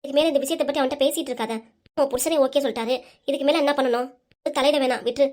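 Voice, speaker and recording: Lady doing a nagging old granny always scolding her husband, southern tamil nadu accent, high and super fast. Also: steady tone, a little mellow, lightly acted. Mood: consoling. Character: sharp-tongued, nagging elderly grandmother. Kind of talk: cartoon comedy voice acting.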